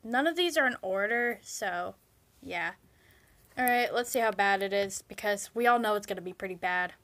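A young woman with a husky morning voice, chatting casually and laughing often as she reacts to her old videos. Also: medium pitch, moderate pace, a bit bright. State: morning voice, deeper than usual.

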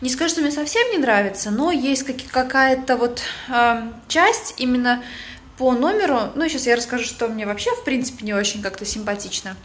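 A young woman vlogging for a travel agency shows off a hotel, indoors in a room and outside on the resort grounds, filming herself with a phone at arm's length. Her slightly high voice has lively intonation and a brisk pace, and her chatty commentary is peppered with fillers and self-corrections.

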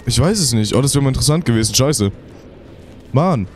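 A man's voice: medium pitch, animated, a little fast, darkish tone, soft background music. A man giving casual, chatty commentary while playing a video game, swearing and thinking aloud. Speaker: let's play host.

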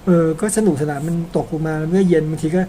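A man's voice: on the high side, steady tone, fast talker, warm tone, a little hiss or hum. A man from Thailand narrating an old epic in a chatty, casual way, tagging his sentences with polite particles and slipping in personal asides. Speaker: storyteller.

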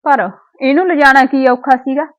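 An actress playing a resentful, sarcastic sister-in-law in a Punjabi short film, grumbling with a Punjabi accent. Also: female voice, sits high, fairly even intonation, moderate pace, dull audio, natural voice. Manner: grumbling to herself, sarcastic, needling. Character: resentful village sister-in-law, sharp-tongued. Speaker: actor.

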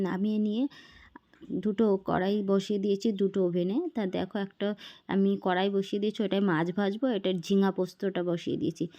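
A middle-aged woman with a hoarse voice from a cold, narrating a daily vlog as a chatty voice-over to her viewers. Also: medium pitch, dark tone. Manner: chatty, addresses viewers as friends. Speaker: vlogger.

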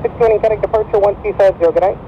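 Male air traffic controller, high-pitched, procedural and brisk, over a dull, noisy radio channel. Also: fairly even intonation. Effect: aviation radio transmission. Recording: muffled lo-fi radio with clear noise.

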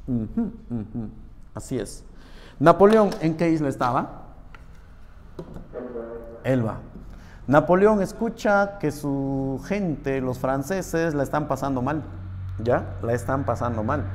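A man teaching a history lesson, asking questions and answering them himself, often repeating a tag phrase, swinging from raised to low murmured pitch. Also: slight background noise. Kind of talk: classroom history lecture. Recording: long hall reverb.

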